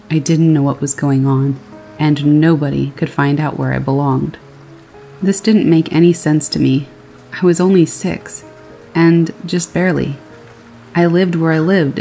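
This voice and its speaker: Calm horror story reader over faint music. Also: medium pitch, rough recording. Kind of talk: reading a first-person horror story aloud. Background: rain sounds and faint music.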